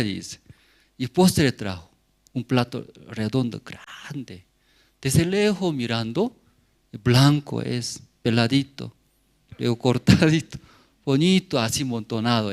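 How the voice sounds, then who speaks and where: A man in his forties, a pastor, giving a sermon testimony in halting speech with frequent asides to the congregation. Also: mid-range voice. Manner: slow, halting non-native Spanish with many asides to the congregation.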